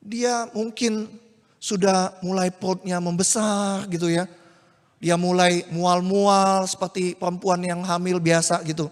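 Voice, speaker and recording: A male preacher with a high voice tells a story animatedly, turning often to his listeners. He speaks in a church hall whose long reverb trails each phrase. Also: measured pace. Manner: animated, addresses listeners directly. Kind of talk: sermon with storytelling.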